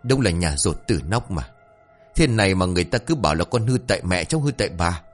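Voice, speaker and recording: Nagging middle-aged wife, sharp tongue; male storyteller doing the voice. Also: low-pitched, expressive, quick pace, soft background music. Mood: scolding. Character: irritable middle-aged woman, scolding wife.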